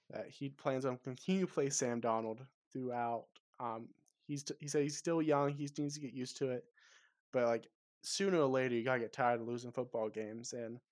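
Male co-host, relaxed sports chat, hesitant delivery full of ums, dry recording. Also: medium pitch, dry recording. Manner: hesitant, many ums and restarts. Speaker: podcast co-host.

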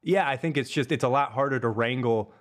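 A young man with a Midwestern American accent, mid-pitched, talks through his music in a loose, halting ramble. He stops and restarts his thoughts often and fills the gaps with ums and uhs. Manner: rambling, halting, many fillers and laughs. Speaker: musician guest. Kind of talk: casual podcast chat.

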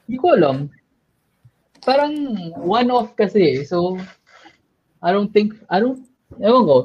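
A man's voice: high voice, sing-song, measured pace, a little mellow, breathy edge. Hesitant man on a lo-fi recording. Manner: hesitant, trails off with fillers. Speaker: podcast co-host. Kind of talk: casual candid chat. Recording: dull lo-fi sound.

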